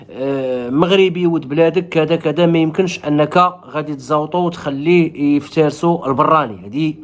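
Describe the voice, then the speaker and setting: A Moroccan man with a Moroccan accent talks casually to his viewers, his voice sitting on the high side. He's emphatic, repeating phrases to hammer his points home.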